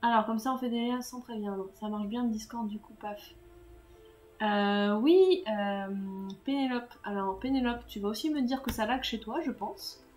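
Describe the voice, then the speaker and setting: A woman's voice: a little high, moderate pace, darkish tone, faint music behind. A woman chatting casually with her viewers while live-streaming a game, self-mocking and laughing at her own mistakes. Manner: self-mocking, talks to chat, laughs often.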